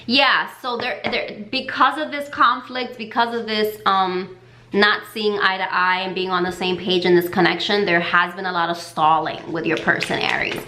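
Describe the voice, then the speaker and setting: A woman giving a casual tarot reading, chatty and full of fillers, in a voice she calls her lower fall voice. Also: steady tone, moderate pace, sharp tone, echoey room. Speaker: tarot reader.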